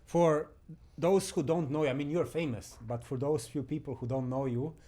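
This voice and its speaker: Upbeat podcast host. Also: male voice, on the high side, steady tone, normal speed, dark tone. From Croatia. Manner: upbeat and encouraging, laughs along often. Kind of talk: casual interview chat.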